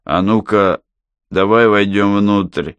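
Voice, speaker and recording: A man voicing a thin, scruffy drunk man who talks with slow, slurred bluster in an audiobook. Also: lowish voice, fairly even intonation, fairly bright tone, smooth, no echo, dull audio. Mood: coaxing.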